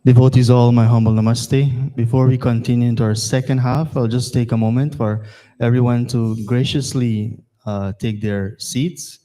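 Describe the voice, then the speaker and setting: A man's voice: mid-range voice, fairly even intonation, moderate pace, warm tone. A man from Guyana, chairing a temple service in an earnest, rhetorical formal address that repeats phrases for emphasis. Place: temple hall.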